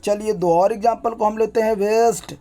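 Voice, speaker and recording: A young man teaching an English grammar lesson, spelling out words letter by letter and explaining them in a brisk, repetitive teacherly way. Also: high voice, steady tone, dark tone.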